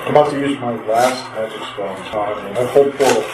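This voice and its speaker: A man's voice: medium pitch, racing, roomy sound, noisy background. A man playing a tabletop game, eager and casual, joking about his character. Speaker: player.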